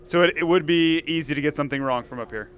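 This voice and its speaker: A man's voice: on the high side, quick pace, fairly bright tone. A man talking casually about sports as a commentator, with dry, matter-of-fact humor. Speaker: former racer, commentator. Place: small office cubicle.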